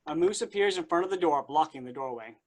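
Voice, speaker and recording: A man's voice: on the high side, expressive, quick pace. A man narrating a tabletop game as game master in a dry, matter-of-fact way.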